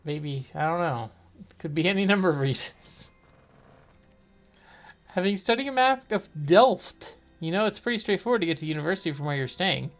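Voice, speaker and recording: A lively co-host narrates a horror game aloud, with a pitch that swings widely. The reading keeps stopping for wry, joking asides to a co-player, at a middling pitch. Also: normal speed, soft background music.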